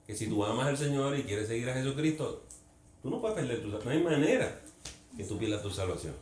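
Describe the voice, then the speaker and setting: A man teaching a Bible study group in an earnest, conversational way, often turning to them with questions and slipping in English words. His voice sits at an ordinary middle pitch. The recording is roomy and echoey, with a faint murmur of ambience behind him. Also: darkish tone, a little hiss or hum. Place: church meeting room.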